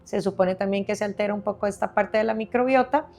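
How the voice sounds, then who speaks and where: A woman's voice: medium pitch, fairly even intonation, fast, a little mellow. A woman specialist patiently explaining baby health on a podcast, step by step, often checking in with her listener.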